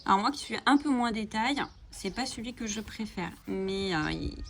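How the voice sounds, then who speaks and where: With lively intonation and a slightly bright medium-pitched voice, a coloring-channel host talks at normal speed as she flips through coloring books. She's enthusiastic and uses lots of fillers. A little hiss or hum sits under the sound of chirping birds.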